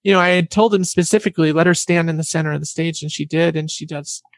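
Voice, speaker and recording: A woman guest telling a personal story in an interview, animated and acting out what other people said. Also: deep voice, fast, no room sound.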